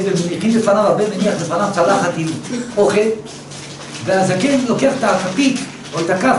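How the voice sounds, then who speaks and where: A man giving a religious lesson, telling a parable and pressing his listeners with rhetorical questions. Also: high voice. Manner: animated storyteller, rhetorical questions. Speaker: religious teacher. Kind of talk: Torah lesson with a told parable. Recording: very echoey room, distant mic, faint noise.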